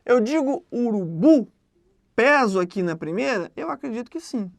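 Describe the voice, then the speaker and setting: A woman teaching an exam-prep grammar lesson in a conversational way, often checking in with quick questions. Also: on the high side, expressive, creaky, dry recording, clean studio sound.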